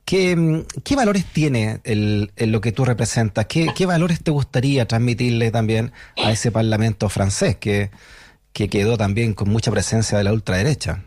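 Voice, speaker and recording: A man's voice: fairly low pitch, moderate pace, darkish tone. Conversational male interviewer. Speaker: interviewer, host.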